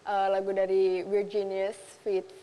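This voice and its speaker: A woman's voice: medium pitch, completely flat delivery, a little slow, warm tone, big-room sound. A young Indonesian woman, a makeup artist, chatting casually in a talk show interview and mixing in English phrases. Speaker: makeup artist and content creator.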